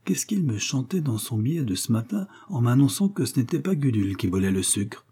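A man's voice: sing-song, fairly quick, warm tone, slightly rough. A man voicing a sardonic male accountant who grumbles sourly under his breath in a storybook reading. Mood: sour grumbling. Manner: low, sour, muttering.

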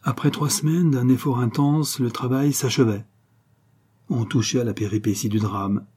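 A man reading a novel aloud in a measured, literary narration. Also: medium pitch, steady tone, dark tone, husky. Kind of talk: audiobook narration.

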